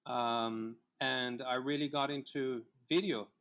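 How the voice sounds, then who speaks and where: A man's voice: medium pitch, fairly even intonation, slow pace, fairly bright tone. Middle-aged colombian guy, spanish first language, chatty guest telling stories, ums here and there. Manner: reflective storyteller, many fillers. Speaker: filmmaker guest. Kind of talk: casual interview chat.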